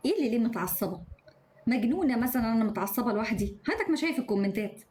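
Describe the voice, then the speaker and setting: A woman in her twenties with an Egyptian accent, live streaming and reading out viewer comments with quick, sharp-tongued retorts, talking into her phone at home. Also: on the high side, animated, a little hiss or hum. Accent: Egyptian Arabic. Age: 20s. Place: indoors at home.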